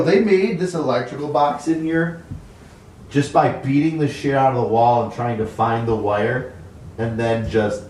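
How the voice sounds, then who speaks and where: A man's voice: mid-range voice, a little mellow, a little hiss or hum. A man giving a casual, sarcastic and profane walkthrough of a run-down house he is renovating. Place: empty house interior. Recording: echoey bare rooms, mic at a distance.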